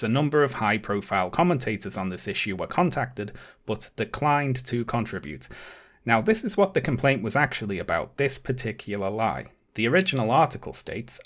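A man's voice: fairly low pitch, a bit bright. A man delivering scripted commentary, sarcastic and emphatic, building an indignant argument point by point. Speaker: video essayist.

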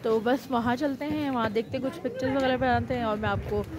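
A woman's voice: fairly high pitch, fairly even intonation, fast, crowd noise. A woman, chatting casually in a travel vlog as a mother out with her family, exclaiming at the views. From Pakistan. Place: outdoors on a cold hill station street.

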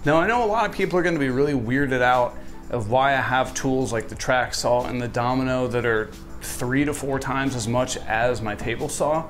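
With faint music playing behind him, a twentysomething woodworking host walks through his small garage workshop at a moderate pace. His medium-pitched voice comes through a wireless lapel mic, and his tone is relaxed, friendly, and drily funny.

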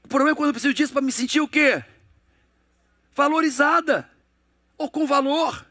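A man's voice: brisk, no echo, studio quality. A middle-aged Brazilian man giving an emphatic motivational lecture, firing rhetorical questions at the audience. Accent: Brazilian Portuguese. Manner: acts out dialogues in a lowered, hushed voice. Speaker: coach and motivational speaker.

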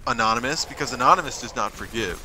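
A man's voice: medium pitch, animated, quick pace, crowd noise, poor audio. A young man chatting casually and crudely, with plenty of swearing, in a gaming voice chat. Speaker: online gamer.

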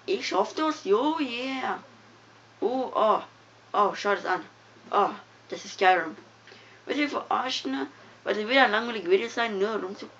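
A young woman gives loose, giggly commentary while she plays, drifting from low mutters to sudden squeals. Her voice sits at a middling pitch. The recording sounds dull and lo-fi, with faint noise underneath. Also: vocal fry. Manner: excitable, giggly, swings from mumbling to loud yelps. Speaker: gamer. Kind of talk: casual game commentary.

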